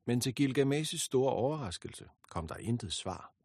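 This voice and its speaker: A man narrating a myth as a storybook reading, in a steady, expressive way. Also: medium pitch, breathy edge, no room sound, studio quality.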